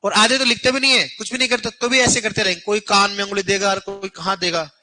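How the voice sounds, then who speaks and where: Animated scolding coaching teacher, high bright voice. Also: male voice, fast, soft background music, low-quality recording. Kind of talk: classroom lecture scolding students.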